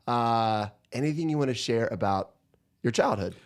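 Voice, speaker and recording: A man's voice: mid-range voice, lively intonation, normal speed. A man hosting a local podcast, introducing his guest and asking questions in an upbeat, enthusiastic way. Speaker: podcast host. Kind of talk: podcast interview.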